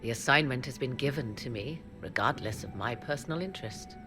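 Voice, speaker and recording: Over music, a very deep female voice speaks fairly quickly. It's an actress in a video game cutscene playing an aloof, sardonic mage who practices forbidden arts, delivering formal, archaic lines laced with dry teasing.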